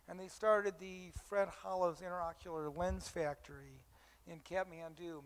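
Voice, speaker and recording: Brief: middle-aged male surgeon lecturing, high voice, anecdotal with ums, long hall reverb. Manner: storytelling with frequent ums and uhs. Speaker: eye surgeon giving a lecture.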